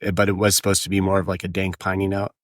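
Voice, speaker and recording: A man's voice: deep voice, completely flat delivery, very fast, dry recording, clean studio sound. A man talking as a brewer in casual podcast chat, informal and hedging as he goes. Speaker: brewer describing beer.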